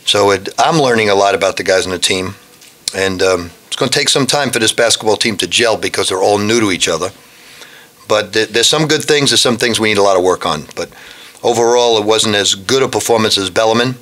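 Blunt older coach at a press conference. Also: male voice, lowish voice, brisk, a bit bright. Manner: blunt, frank, with frequent restarts. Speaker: head basketball coach. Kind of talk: post-game press conference. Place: press room in front of a backdrop. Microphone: desk microphone.

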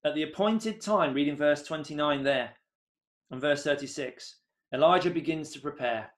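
A man in his thirties preaching an earnest sermon from a room at home into a webcam, rising to excited emphasis on key points. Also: a little high.

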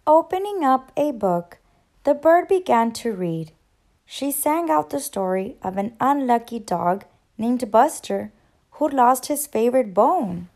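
A woman teacher reading a children's picture book aloud in an expressive, gentle storytelling manner. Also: on the high side, measured pace.

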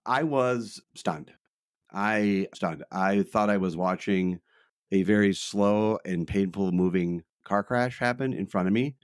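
A middle-aged man co-hosting a political podcast, telling lively stories and laughing easily. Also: lowish voice, takes it slowly, clean tone, no room sound, clean studio sound. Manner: animated storyteller, laughs easily. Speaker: podcast co-host. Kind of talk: casual political chat.

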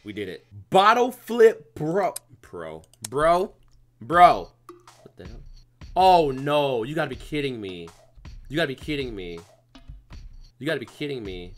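A man doing let's play commentary, excitable and yelling at the game. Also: mid-range voice, measured pace, long pauses, faint music behind. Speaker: gamer.

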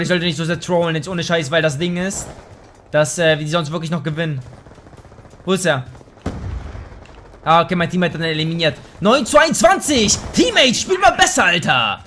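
Slangy, high-voiced young gamer guy. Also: slight background noise. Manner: slangy, swears and trash-talks; excitable outbursts. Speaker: let's play host. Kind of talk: casual gameplay commentary.

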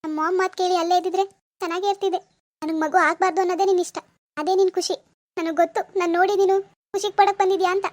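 A woman's voice: extremely high pitch, level tone, very fast, no echo. A woman voicing a bitter, grieving young wife. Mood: furious. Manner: bitter, accusing, tearful. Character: bitter young woman who lost her baby. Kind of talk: animated village drama voice acting.

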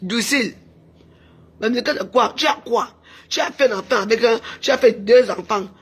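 A woman's voice: a little high, normal speed, breathy edge. A woman, delivering a heated, taunting rant to her camera, repeating her jabs. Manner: heated, taunting, repetitive shouting. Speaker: social media personality. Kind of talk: angry insulting rant to camera.

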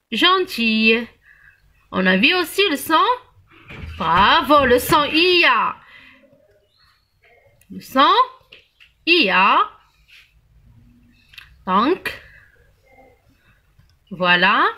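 Female early-reading teacher, slow deliberate spelling and frequent praise, high bright tone. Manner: slow, spells out letters and syllables, praises the class. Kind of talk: early reading lesson for young children.

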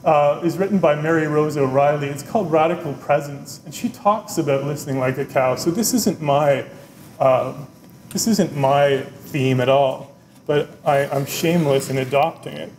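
A man's voice: on the high side, normal speed. A middle-aged man, dean of a business school, giving a conversational keynote at a podium and often checking in with "right?". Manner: animated, conversational, often adds "right?", gestures with both hands. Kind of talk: keynote speech. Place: lecture room, at a wooden podium, indoors. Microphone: podium microphone. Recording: roomy lecture-room sound, faint background noise.

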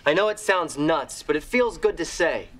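An earnest sitcom boyfriend. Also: male voice, a little high, lively intonation, measured pace, fairly bright tone. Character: young man in love, calling her his girlfriend. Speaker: sitcom character. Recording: clip from a TV sitcom with faint music.

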